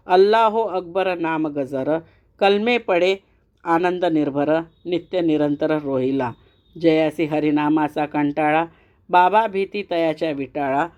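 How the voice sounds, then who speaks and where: Woman devotional reader; unhurried, chant-like verse recitation; muffled home recording. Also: deep voice, darkish tone. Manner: slow, measured chanting cadence. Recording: dull lo-fi recording.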